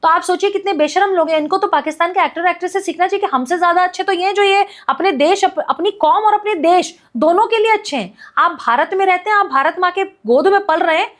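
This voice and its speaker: High-pitched woman ranting passionately. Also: fast, hardly any pauses. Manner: forceful, repetitive rhetorical ranting. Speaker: activist guest. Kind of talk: impassioned podcast commentary.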